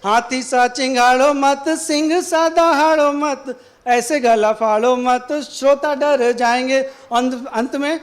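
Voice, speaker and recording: A man with a strikingly high voice recites comic verse on a college stage. He lingers over each line and repeats phrases for effect, at a deliberate, unhurried pace. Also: steady tone. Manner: declaims verses slowly, repeating lines for effect. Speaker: poetry contestant. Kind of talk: humorous poetry recitation. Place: college auditorium.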